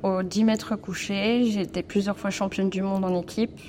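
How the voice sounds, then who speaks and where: A woman in her twenties introducing herself in a clear, composed way. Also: medium pitch, steady tone, moderate pace, darkish tone, a little hiss or hum. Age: 20s. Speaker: elite athlete.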